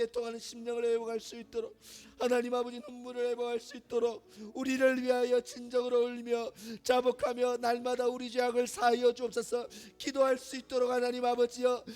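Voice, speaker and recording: A man's voice: very high voice, darkish tone, clear, resonant tone. A male pastor leading a congregation in fervent, pleading prayer, repeating his invocations again and again. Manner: repetitive pleading invocations, rising to impassioned crying out. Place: church sanctuary.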